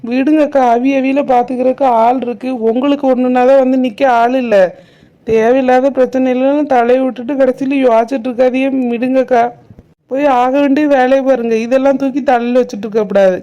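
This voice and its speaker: A woman voicing a blunt young village woman in a cartoon drama, briskly scolding and advising an older friend. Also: high voice, fairly even intonation, warm tone, dull audio, close to an everyday voice.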